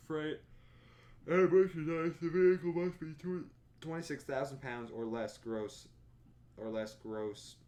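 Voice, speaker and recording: A young man streaming from his bedroom, reading a driver's manual aloud in a plodding monotone with tired asides. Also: lowish voice, slight background noise. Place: bedroom at home.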